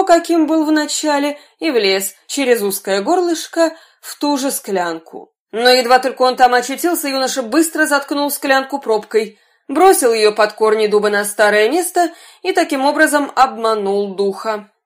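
High-voiced woman reading a tale. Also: lively intonation, moderate pace, hardly any pauses. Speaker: narrator. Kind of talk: storybook reading.

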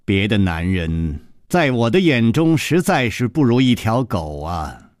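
A ruthless palace mistress in a radio story, cold and imperious, her words sinking low and slow into a hushed, breathy menace, as a male storyteller puts her on. Her pitch swings widely yet stays darker than the telling voice, and the sound is close and dry. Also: dry recording.

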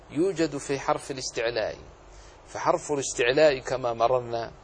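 A man's voice: medium pitch, a little hiss or hum. A man giving a religious lesson, explaining recitation rules step by step, quoting verses and rephrasing them, and asking questions that he answers himself. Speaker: religious teacher.

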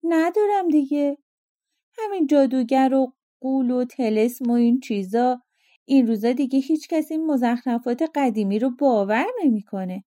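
A woman's voice: on the high side, lively intonation, mellow, no echo, clean studio sound, natural voice. A woman doing a glib, mocking fisherman. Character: sly, smooth-talking male fisherman.

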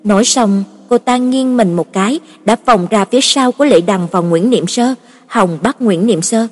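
A woman narrating a novel in a steady, even storytelling voice. Her voice is husky. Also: mid-range voice, moderate pace. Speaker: audiobook narrator. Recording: reverberant, with soft background music.

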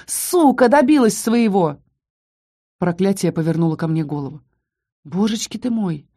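A woman's voice: mid-range voice, dark tone. A woman reading a first-person fantasy novel aloud with dramatic storytelling. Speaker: audiobook narrator. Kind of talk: first-person audiobook narration.

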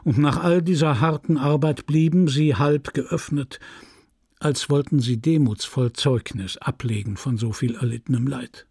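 Husky-voiced male audiobook narrator. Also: fairly high pitch, a little mellow, dry recording, clean studio sound. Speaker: audiobook reader.

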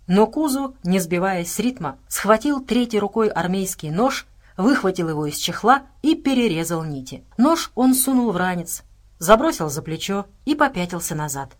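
A woman reads an audiobook in a middle-pitched voice with steady, measured delivery. She keeps an even storytelling flow. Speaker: audiobook narrator. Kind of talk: scripted narration.

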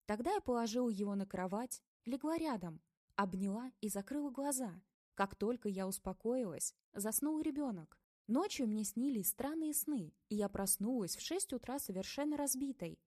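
A woman narrating a first-person audiobook, reading with expressive, emotional delivery and voicing the heroine's dialogue. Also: on the high side, normal speed, dry recording, studio quality.

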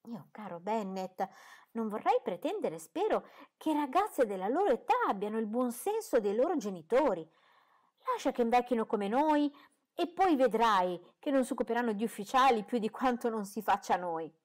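A woman voicing an excitable, fussy middle-aged mother who talks high, loud and eager in a storybook reading. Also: normal speed. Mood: gushing.

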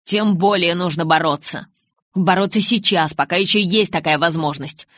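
A woman voicing a cocky, teasing teenage boy who talks loudly and brashly in an audiobook. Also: fairly low pitch, moderate pace, no room sound, studio quality, lightly acted. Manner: loud, brash and insistent.

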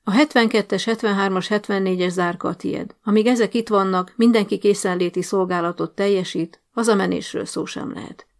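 A woman's voice: mid-range voice, fairly even intonation, vocal fry, hardly any pauses, close to an everyday voice. A woman doing a bossy prison sergeant-major. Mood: commanding. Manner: commanding, barking orders.

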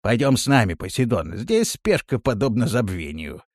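A man voicing a cheerful, talkative, boastful male companion in an audiobook, loud and excitable. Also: mid-range voice, moderate pace, dry recording, studio quality.

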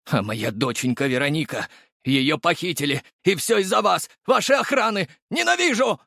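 A man voicing a desperate middle-aged nobleman and father, shrill and emotional, in an audiobook. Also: normal speed, sharp tone, dry recording, clean studio sound, lightly acted. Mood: furious. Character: distraught middle-aged nobleman father, furious then begging.

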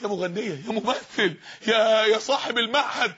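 A man with an Egyptian Arabic accent and a husky voice, preaching a fervent sermon full of pleading, repeated rhetorical questions. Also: high-pitched, a little fast, fairly bright tone, highs cut off.

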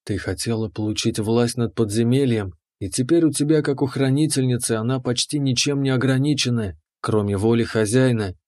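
A man voicing a devoted female lava dungeon keeper who speaks in a low, soft, purring, obedient way. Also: steady tone, fairly quick, hardly any pauses, dry recording, studio quality, natural voice. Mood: proud. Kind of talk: audiobook character voice.

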